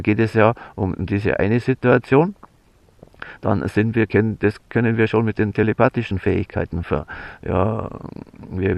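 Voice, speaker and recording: Man, low gravelly voice, rambling monologue, lots of fillers, dry close sound, muffled lo-fi recording. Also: dry recording. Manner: rambling, many fillers and restarts, frequent "ja". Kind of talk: unscripted spiritual monologue. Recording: dull lo-fi sound.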